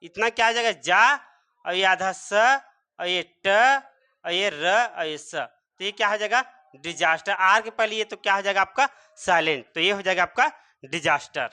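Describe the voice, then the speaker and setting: A man's voice: high voice, moderate pace, sharp tone. A man teaching English spelling and pronunciation, sounding words out letter by letter and answering his own rhetorical questions. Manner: repeats rhetorical questions and answers them himself. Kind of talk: classroom-style spelling and pronunciation lesson.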